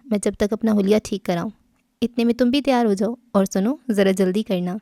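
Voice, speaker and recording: A woman voicing a lively, teasing young woman friend who coaxes gently. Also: medium pitch, vocal fry, dry recording, studio quality, lightly acted. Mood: cheerful. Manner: playful, coaxing.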